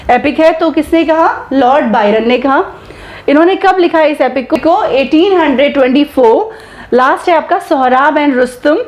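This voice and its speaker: Woman, teacher, high-pitched, echoey room, Hindi-English mix, quiz-style check-ins. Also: darkish tone, highs cut off. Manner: mixes Hindi and English, slow deliberate English phrases; checks in often with "okay" and quiz-style questions. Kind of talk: exam-prep lecture.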